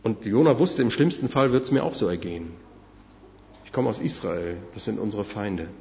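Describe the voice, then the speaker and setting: A man's voice: on the low side, normal speed, creaky, a little hiss or hum. A man preaching a sermon in an earnest way, speaking directly to his listeners. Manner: earnest, addresses listeners directly, some fillers. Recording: dull sound with long hall reverb.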